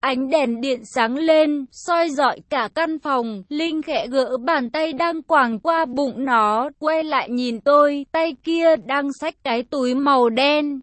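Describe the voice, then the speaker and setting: A woman reading a first-person story aloud in a steady, intimate way. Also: sits high, takes it slowly, hardly any pauses, no echo.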